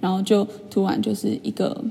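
A young woman, chatting in a vlog as she retells a personal story with lively, filler-filled asides. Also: medium pitch, a little fast, gravelly, slightly rough, long reverb tail. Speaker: vlogger. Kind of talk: casual storytelling monologue.

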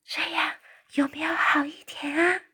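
A woman voicing a small, brave, polite young girl in a storybook read-aloud, speaking in a bright, eager, childlike tone. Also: on the high side, animated, fairly quick, voice pushed up. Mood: hushed.

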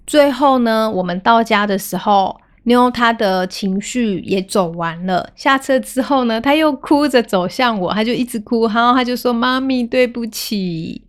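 A woman in her thirties hosting a parenting podcast, retelling a family story in a calm, gentle way. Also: a little high, moderate pace, hardly any pauses.

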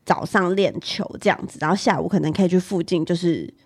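A young woman co-hosting a podcast, telling a story in animated casual chat and laughing often. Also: lowish voice, brisk. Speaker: podcast co-host.

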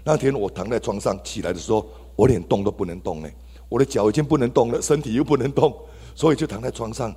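Fast and warm with a slightly rough edge, this medium-pitched male voice delivers an exclamatory church testimony, addressing the congregation head-on. He has a Taiwanese Mandarin accent, and the sermon echoes through a reverberant church hall.

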